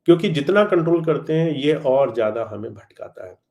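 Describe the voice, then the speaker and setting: A man's voice: fairly high pitch, expressive, fairly quick, gravelly, mellow. A man giving a live spiritual talk, answering listeners' questions in an earnest, friendly way and slipping in English phrases. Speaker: spiritual teacher.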